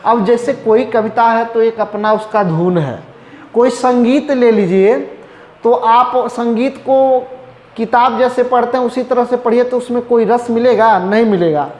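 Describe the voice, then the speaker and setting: A male teacher giving a classroom lecture, asking questions and answering them himself, and repeating definitions slowly as he writes. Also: very high-pitched, a little mellow. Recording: echoey room with faint noise.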